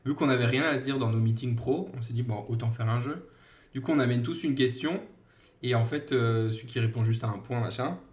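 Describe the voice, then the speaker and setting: A man with a mid-pitched voice chats casually as a podcast co-host. He wanders through a story, pausing on fillers and correcting himself. The room around him is echoey. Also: darkish tone. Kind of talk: casual chat.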